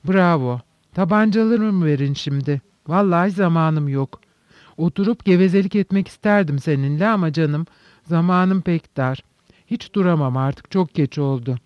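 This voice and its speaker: A man voicing a reckless, excitable young man who talks brashly in an audiobook reading. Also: on the high side, moderate pace, no room sound, lightly acted. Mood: excited. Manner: impulsive, brash. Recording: dull dry recording.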